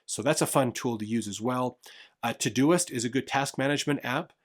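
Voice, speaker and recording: A man's voice: mid-range voice, fairly quick. A man talking casually and explaining things, with fillers and the odd restart. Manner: conversational, with fillers and repeated "literally". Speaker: host recommending business tools.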